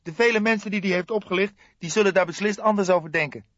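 A man's voice: fast talker, no room sound, dull audio. A man putting on a sneering young detective. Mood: sarcastic. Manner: high, loud, sneering. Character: young male detective, sarcastic and mocking.

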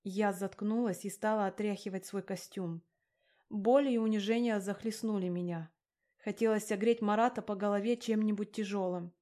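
A woman reading first-person narration in an audiobook, in a plain, even voice. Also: mid-range voice, moderate pace.

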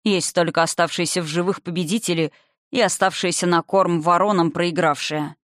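A reader voicing the spirit of an older father, calm and condescending, who lectures with mocking haughtiness in an audiobook. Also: sits high, moderate pace, no room sound, clean studio sound. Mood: haughty. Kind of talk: audiobook character reading.

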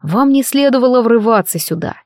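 A woman's voice: a little high, expressive, brisk, darkish tone, dry recording, clean studio sound, natural voice. A woman voicing a stern grown male emperor who gives curt, firm commands in an audiobook.

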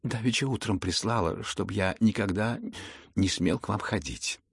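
A man doing a meek, soft-spoken young prince. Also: on the low side, normal speed, gravelly, husky, no room sound, studio quality. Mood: earnest. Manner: soft, hesitant and earnest. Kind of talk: audiobook character reading.

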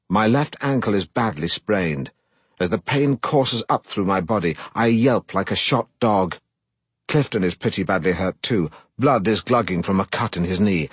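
Middle-aged male narrator, low husky voice, deadpan and self-important comic audiobook read. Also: no echo.

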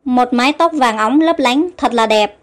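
A woman narrating a storybook, reading every character's lines herself in a mostly even voice. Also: on the high side, normal speed, soft background music. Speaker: audiobook narrator.

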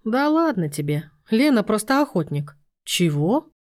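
A woman's voice: medium pitch, sing-song, unhurried, a little mellow. A woman narrating puts on a wry young man who teases his cousin with sarcastic remarks. He talks easily and with good humour, a storybook character voiced lightly. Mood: explaining. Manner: sarcastic, teasing.

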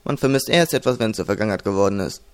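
A man narrating a fantasy audiobook in a calm, even reading voice. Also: fairly low pitch, rapid-fire. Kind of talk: storybook narration.

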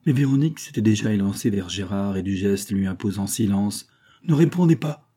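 A man narrating a classic novel in a measured, dramatic reading. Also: on the low side, fairly even intonation, mellow. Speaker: audiobook narrator. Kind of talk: literary audiobook narration.

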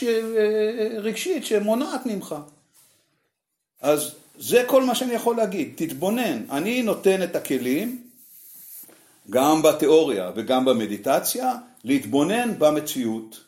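A man teaching meditation to a group, explaining slowly and reflectively with many fillers and pauses. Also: a little high, a little mellow. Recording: echoey room.

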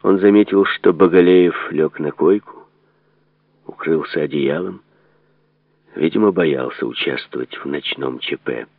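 Deep gravelly guy reading an audiobook, serious and steady, sounds like over the phone. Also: unhurried, no echo. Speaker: narrator. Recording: dry phone-like narrow sound.

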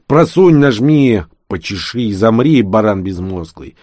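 A man's voice: lowish voice, lively intonation, unhurried, no echo. A man voicing a short-tempered male hacker who barks orders and insults his partner, for an audiobook. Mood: bossy. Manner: shouting, impatient, insulting.

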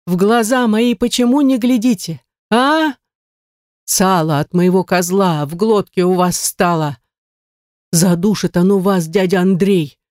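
A reader doing a shrill, cursing old grandmother. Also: unhurried, darkish tone, no room sound, studio quality, close to an everyday voice. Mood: bitter accusing. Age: older.

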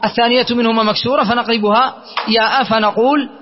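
A man teaching Arabic grammar to a class, often checking that students follow and slowly repeating word forms as drills. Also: extremely high pitch, steady tone. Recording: muffled lo-fi lecture recording.

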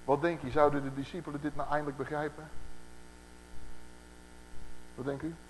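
A man preaching a conversational Bible-teaching sermon to a gathered congregation, animated and full of rhetorical questions to his listeners. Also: fairly high pitch, normal speed, a little hiss or hum, low-quality recording.

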